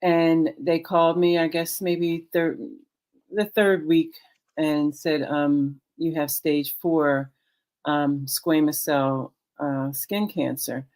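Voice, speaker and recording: Low-voiced woman in her sixties, halting. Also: flat delivery, a little mellow. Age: 60s. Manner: unhurried, halting with many ums. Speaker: guest, author and cancer survivor. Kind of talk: casual chat, personal testimony. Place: video call.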